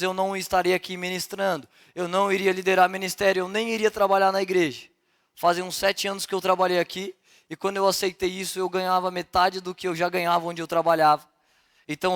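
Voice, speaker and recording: Young Brazilian man, high voice, conversational preacher who acts out scenes in his sermon. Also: fast talker. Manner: animated and conversational, acting out dialogue. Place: church service.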